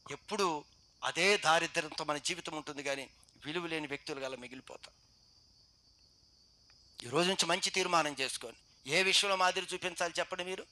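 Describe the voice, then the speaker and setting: A man with a Telugu accent preaching a sermon to a youth meeting, exhorting with rapid rhetorical questions and swinging between loud and quiet. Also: high voice. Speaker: pastor.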